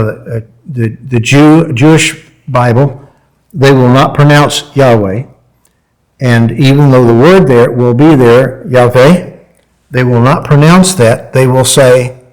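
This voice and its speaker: A man's voice: mid-range voice, a little mellow, low-quality recording. A man gives an informal sermon to a live audience, speaking in a conversational way. His voice sits in an ordinary mid range. He often stops to ask the room questions and acts out quoted lines. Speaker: Bible teacher.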